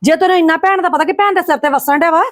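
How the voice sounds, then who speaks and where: A woman acting an angry mother in a scripted family drama, scolding with a sharp tongue. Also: very high voice, racing, dry recording, clean studio sound. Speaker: lead actress, angry mother.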